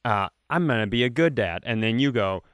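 Co-hosting a comedy podcast, a man with a mid-range, slightly bright voice speaks expressively and a bit fast, riffing, telling stories, and doing playful bits in a casual way. The recording is studio quality with no echo.

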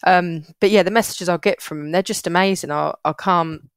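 Low-voiced chatty woman. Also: fairly quick, smooth, no echo, clean studio sound. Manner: earnest, chatty, restarts sentences often. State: getting emotional. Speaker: podcast guest, parenting hack creator. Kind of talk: casual interview chat.

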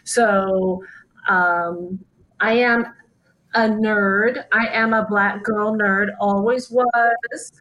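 A woman in her late forties talks slowly and deliberately as an interview guest. She stops now and then with small fillers as she thinks each point through. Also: mid-range voice, fairly even intonation, sharp tone, poor audio. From United States. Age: 40s. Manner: thoughtful, measured, with fillers. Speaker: guest, activist and writer. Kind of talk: interview conversation.

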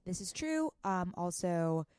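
A woman with a low voice talks casually as a podcast co-host. Her delivery is chatty and conversational, recorded close and dry. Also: sing-song, slow pace, mellow, smooth, no room sound. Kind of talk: casual chat.

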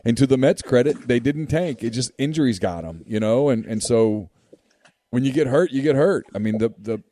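A man's voice: mid-range voice, expressive, moderate pace, warm tone, no room sound, studio quality. A man hosting a podcast in an informal, conversational way, moving between sponsor reads and casual sports chat. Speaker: podcast host.

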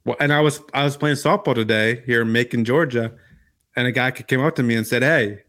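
A man co-hosting a casual sports podcast, talking in a halting way and repeating words as he thinks. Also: medium pitch, fairly even intonation, a bit bright. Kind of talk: casual baseball chat.

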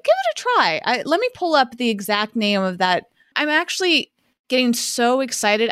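A woman co-hosting a podcast in a casual, chatty style, musing aloud with animated asides. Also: mid-range voice, no room sound, studio quality. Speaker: podcast co-host. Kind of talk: casual chat.

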